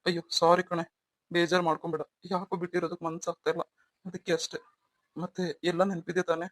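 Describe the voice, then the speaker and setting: A woman's voice: lowish voice, level tone, fast, dry recording, natural voice. A woman voicing a protective young husband. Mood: tender. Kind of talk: melodramatic audio story acting.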